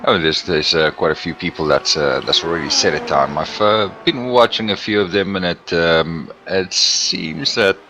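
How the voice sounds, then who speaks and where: Very deep-voiced hesitant male co-commentator. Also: moderate pace, hardly any pauses. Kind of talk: casual live sim racing commentary. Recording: faint background noise.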